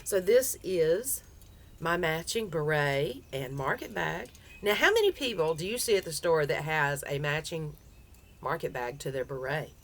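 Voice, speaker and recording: A woman with a low voice talks in a folksy Southern US drawl, chatty and informal like a home crochet vlogger. She is recorded outside on a porch, with light outdoor noise behind her. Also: expressive, normal speed, fairly bright tone. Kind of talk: casual, chatty vlog.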